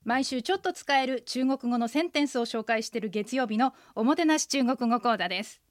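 A woman co-hosting a radio language lesson, explaining pronunciation clearly. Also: fairly high pitch, animated, a little fast, dry recording, clean studio sound.

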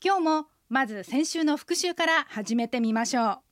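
A woman co-hosting a radio language lesson, explaining pronunciation clearly. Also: high-pitched, lively intonation, normal speed, no echo, studio quality.

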